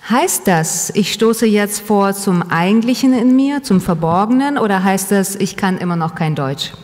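Seated at a panel table with a table microphone, a woman author whose first language is Russian reads her own essay reflectively, adding asides to the live audience in a large hall. Her mid-range, darkish voice is expressive and moves at normal speed, and the hall gives a long reverb.

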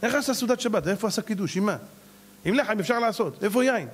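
A man's voice: sits high, lively intonation. A male rabbi giving a sermon to a live class, telling stories dramatically and firing off rhetorical questions.

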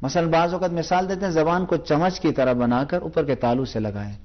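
In a televised lesson heard through a muffled recording, a man with a higher-pitched voice teaches Quran recitation. He patiently explains pronunciation, slowly repeating each sound to demonstrate it.

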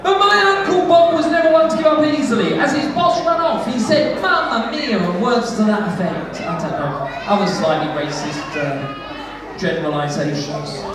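A man's voice: high voice, lively intonation, normal speed. A middle-aged man doing kids' party magician patter on stage, theatrical and cheeky, teasing the audience. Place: large indoor show room with stage. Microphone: handheld stage microphone through PA, filmed from the audience. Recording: echoey hall, distant phone recording, crowd noise. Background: audience of children and adults.

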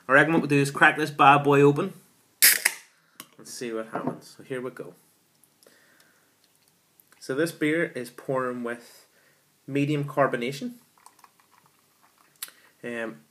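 A man's voice: mid-range voice, bright, forceful tone. A man, reviewing a beer at home in a chatty, enthusiastic way with lots of fillers, filmed with a camera at arm's length. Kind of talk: casual beer review vlog. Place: small room at home, indoors.

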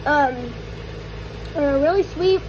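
A woman with a high voice talks while chewing cake, giving a frank, casual food-tasting verdict full of fillers. A noisy background is present. The feel is relaxed and unscripted. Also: slow pace. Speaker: vlogger.

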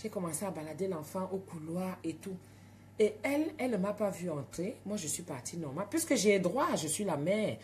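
A woman's voice: on the low side, fairly quick, slight background noise. Chatty African French woman on a live stream. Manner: chatty, animated, talks straight to viewers. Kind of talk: casual storytelling live stream. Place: home at night.

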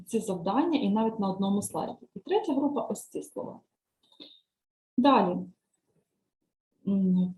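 A woman teacher trainer giving a step-by-step screen-share software tutorial, patiently explaining each click and lesson task and often checking "right?". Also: mid-range voice, rough recording.

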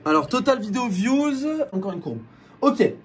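A man's voice: high voice, big pitch swings, moderate pace, a little hiss or hum. A man from France, a YouTuber co-host, casually explaining things to his viewers with many restarts and fillers.

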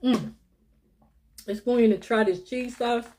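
A woman's voice: fairly high pitch, unhurried, a little mellow. A woman, chatting casually to viewers while eating in a mukbang vlog, calling them y'all and little sis. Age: 50s. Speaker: mukbang vlogger.

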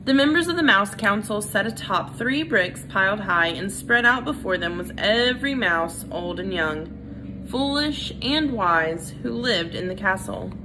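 A woman's voice: medium pitch, expressive, a little slow, over music, poor audio. A woman reading a children's book aloud, with casual, friendly asides to her listeners. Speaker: reader.

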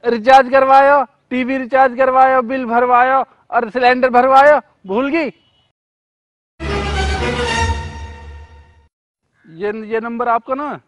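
A man's voice: very high voice, fairly even intonation, moderate pace, no room sound, highs cut off. A young man playing a hapless, lovestruck villager, pleading and flustered, in an outdoor comedy skit. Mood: insistent. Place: outdoors, yard and field. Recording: outdoor sound with clear noise.

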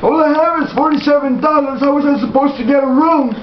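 A young man fakes a confused old man, high-pitched and feeble. He speaks haltingly and groans through a prank call. The sound is muffled and echoes in a small bathroom, with faint noise. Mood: halting, plaintive. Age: young adult. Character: feeble, confused old man, hard of hearing, bad back. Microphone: camera a few feet away. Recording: muffled, roomy, faintly noisy camera recording.

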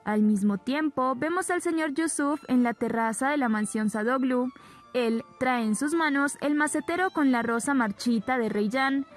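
A woman narrating a soap opera recap in a steady storytelling way. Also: sits high, normal speed. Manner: steady storytelling, repeating "le dice". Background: soft background music.

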